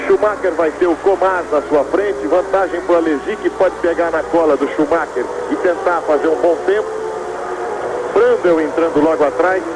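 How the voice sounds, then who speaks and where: A man's voice: a little high, normal speed. A man with a Brazilian accent giving live motorsport commentary of a qualifying session. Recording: loud engine noise behind the voice. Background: racing car engines and track noise.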